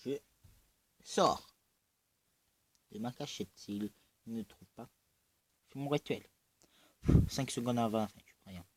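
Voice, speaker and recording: Excitable man with a southern French accent. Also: medium pitch, slow, pauses often, husky, no room sound. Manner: excitable, loud exclamations and swearing. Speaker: gamer. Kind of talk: casual gaming commentary.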